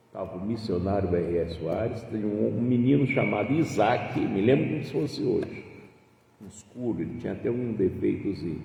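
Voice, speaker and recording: Gravelly pastor telling a testimony in an echoing hall. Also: male voice, fairly low pitch, highs cut off. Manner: animated storyteller who acts out phone dialogue. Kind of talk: sermon testimony storytelling. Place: church hall. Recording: echoey church hall, far from mic.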